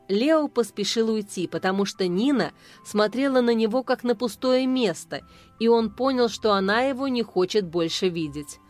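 Woman narrating a novel over soft music. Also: medium pitch. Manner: even, storytelling.

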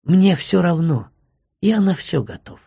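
A frantic, tearful doctor out of a classic story bursts into shouts, his voice rising high and shaking, as a male reader plays him. The tone stays husky with a gravelly edge. It sounds close and dry, with no room around it. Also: animated, measured pace, dry recording, exaggerated voice. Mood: weary despairing. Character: agitated middle-aged male doctor, shouting then despairing.

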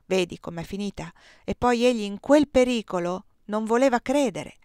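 A woman's voice: medium pitch, animated, normal speed, a little mellow, smooth, no room sound, clean studio sound, natural voice. A woman reading the lines of a proud, grieving young woman in an audiobook. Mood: sorrowful.

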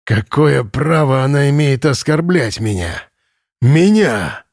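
A man reading the part of a drunk, raging male Nazi camp commandant in an audiobook, shouting and ranting in a bullying, unhinged way. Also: very animated, very slow, creaky, no room sound, clean studio sound, exaggerated voice. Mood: grandiose. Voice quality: shrill, furious shouting.

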